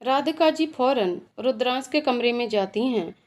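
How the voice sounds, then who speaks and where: A woman narrating a heart-touching family story in a steady, emotive storytelling manner. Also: on the high side, moderate pace, slight background noise. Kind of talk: scripted narration.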